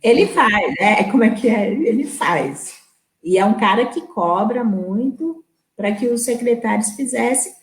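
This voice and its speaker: A woman's voice: a little high, moderate pace. A woman, a guest in a live web interview, telling a story and acting out the people she quotes. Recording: roomy echo.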